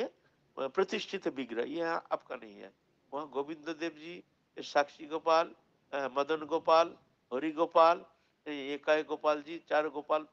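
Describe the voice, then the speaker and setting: Gravelly man telling a devotional story. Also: fairly high pitch, dull audio. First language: Bengali. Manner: animated, repetitive, asks listeners questions. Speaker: religious storyteller.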